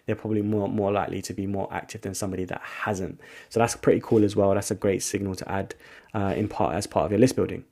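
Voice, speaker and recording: In a relaxed screen-share walkthrough, a man who founded an agency demonstrates a software tool, reasoning out loud and frequently starting sentences over. He speaks in a lowish voice.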